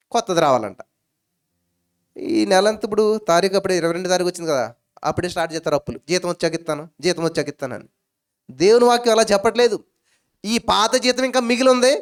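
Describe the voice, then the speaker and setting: A man's voice: very high voice, clear, resonant tone. A male pastor, preaching emphatically, with rhetorical questions and repeated calls of hallelujah. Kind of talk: sermon. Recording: faint music behind.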